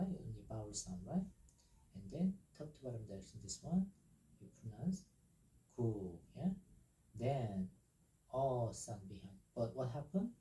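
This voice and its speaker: A male language teacher explaining syllables step by step, pausing often with "ja" and checking in with "right?". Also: mid-range voice, warm tone, far from the mic. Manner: keeps saying "ja" and checking with "right?". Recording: roomy sound from away from the mic.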